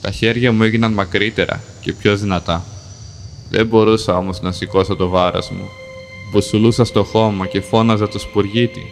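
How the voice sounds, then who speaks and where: A man with a lowish voice narrates a dark first-person fantasy story, calm and measured, one short sentence at a time. Clear music plays under his reading.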